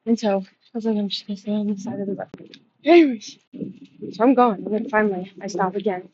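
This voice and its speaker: A young woman vlogger telling a casual storytime in a chatty, animated way. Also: medium pitch, quick pace, no room sound. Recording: dull lo-fi with faint noise.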